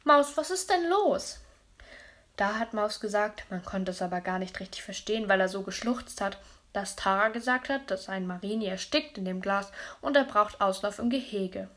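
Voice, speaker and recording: A woman's voice: mid-range voice, normal speed. Woman reading a children's story. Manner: lively, childlike first-person telling. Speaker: audiobook reader. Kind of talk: storybook narration.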